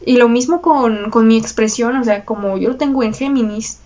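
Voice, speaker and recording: A woman's voice: a little high, moderate pace, darkish tone, dull audio. A woman with a Mexican Spanish accent, hosting her astrology channel and telling a personal story in a chatty, confessional way. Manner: chatty and confessional, slangy, with frequent laughs and tag questions. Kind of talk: casual personal storytelling to viewers.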